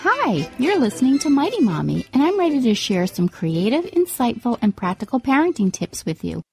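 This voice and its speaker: Upbeat woman host with lively, swooping intonation. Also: a little high, brisk, creaky, faint music behind. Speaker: podcast host giving parenting tips. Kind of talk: scripted advice narration.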